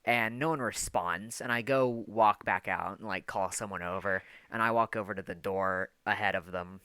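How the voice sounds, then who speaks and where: A man with a low, bright, forceful voice co-hosting a casual chat podcast. He tells stories in a loose, rambling way, packed with fillers and the odd swear word. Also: normal speed, clean tone, no room sound. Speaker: podcast co-host.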